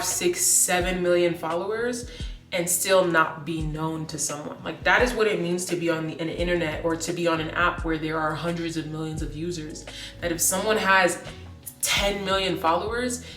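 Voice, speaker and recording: A woman vlogger in her late twenties chats casually, rambling with plenty of "like" fillers and restarts. Her voice is lowish and a bit bright, set back from the mic in an echoey room with faint music.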